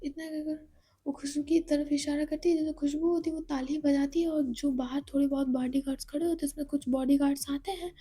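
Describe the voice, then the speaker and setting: A woman narrating a love story in a soft, half-whispered delivery. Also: high voice, steady tone, fast, few pauses. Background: faint music.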